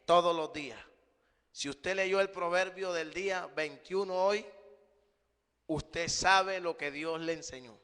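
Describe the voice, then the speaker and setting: A man preaching a sermon, emphatic, often rising and then dropping to a hush, calling his listeners brother. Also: high voice, slow, clear, resonant tone. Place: church hall. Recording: live stream with long hall reverb.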